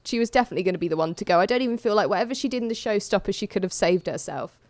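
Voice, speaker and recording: A woman's voice: mid-range voice, animated, very fast, darkish tone, dry recording. A woman hosting a podcast, chatting casually about a baking show with light amusement. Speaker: podcast host. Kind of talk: casual chat.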